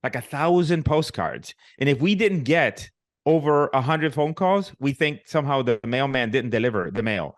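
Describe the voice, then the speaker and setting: A middle-aged Puerto Rican man, a real estate investor, tells his story as a guest in a casual interview, joking and using lots of fillers and restarts. His Puerto Rican Spanish accent comes through in a medium-pitched voice with lively intonation at a normal pace. The studio-quality recording has no room sound.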